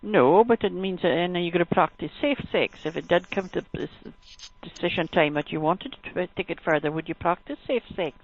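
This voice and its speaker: Briskly and in a lowish voice, a woman gives sexual health advice over the phone, keeping her explanations matter-of-fact. The call comes through muffled and tinny.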